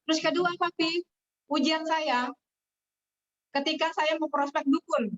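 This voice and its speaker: Woman guest, high voice, animated storyteller, distant lo-fi webinar audio. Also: a little slow. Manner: animated, acts out quoted voices. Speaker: guest telling her success story. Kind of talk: casual storytelling.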